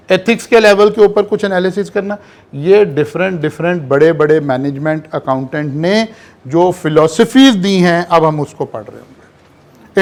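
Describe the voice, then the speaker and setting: Man, high voice, lecturer walking students through a syllabus, explanatory, keeps asking if it's clear. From Pakistan. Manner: explanatory, checks in with rhetorical questions. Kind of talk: online classroom lecture.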